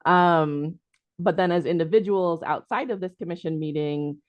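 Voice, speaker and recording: A woman's voice: fairly low pitch, moderate pace, dry recording, dull audio. A woman from city housing staff giving a presentation in an online meeting, casual and hedging, with many ums. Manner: informal, hedging with frequent ums.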